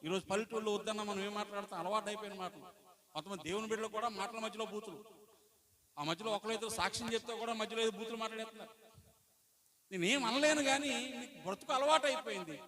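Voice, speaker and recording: A male pastor preaching a Sunday sermon. He poses questions to the congregation and answers them, moving between loud, emphatic lines and quiet asides. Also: sits high, fast, crowd noise. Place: church service. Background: congregation sounds.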